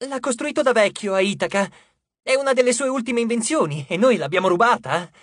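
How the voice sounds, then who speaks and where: A man voicing a small, mischievous dwarf with a squeaky, shrill, whining voice. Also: expressive, brisk, fairly bright tone, dry recording, studio quality, exaggerated voice. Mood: whiny.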